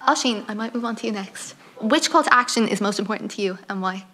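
A woman's voice: medium pitch, quick pace, pushed and bright, slight background noise. A young woman with an Irish accent speaking earnestly and formally, as in a prepared speech or when moderating a panel. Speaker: youth advisor introducing and questioning young speakers.

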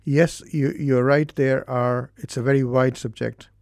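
A man with an Indian accent explains his work slowly and carefully, with frequent pauses. His voice is gravelly and mellow, recorded dry and close in a studio. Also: medium pitch, steady tone, no room sound. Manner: measured, explanatory, with hesitations. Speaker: doctor and therapist. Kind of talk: studio interview.

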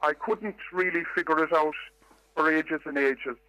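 An older Irish woman calling in to a radio show, her voice disguised by a pitch-altering distortion, telling her story in a measured, reflective way with hesitations. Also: a bit bright, no echo. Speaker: caller. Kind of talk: phone-in radio call.

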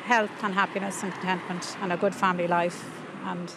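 Fast, creaky woman on a noisy street. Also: on the low side, flat delivery. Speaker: street interviewee. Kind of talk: casual interview answers. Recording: clear outdoor street and traffic noise.

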